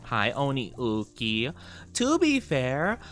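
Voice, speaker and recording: A man's voice: medium pitch, wildly swooping pitch, slow, fairly bright tone, soft background music. A man hosting a livestream as a VTuber, chatting casually while he plays a game, with effusive, gushing greetings and a cutesy, cooing way of talking. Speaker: VTuber streamer host.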